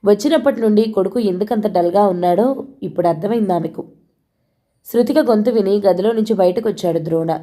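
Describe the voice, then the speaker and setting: A woman's voice: mid-range voice, a little fast, mellow. A woman narrating a novel as an audiobook reader, telling it steadily and lifting her voice for the characters' lines. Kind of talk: novel read aloud, voicing each character.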